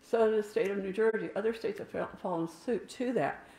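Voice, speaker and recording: An older woman delivers a sermon in a gravelly voice. She preaches emphatically, with asides to the people in the pews. The sound carries a roomy church echo. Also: medium pitch, fairly quick, dark tone. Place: church sanctuary. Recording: echoey church room.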